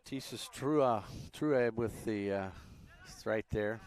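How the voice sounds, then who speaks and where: A man doing live play-by-play commentary on a youth soccer match, relaxed and chatty with frequent fillers. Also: fairly low pitch, slow.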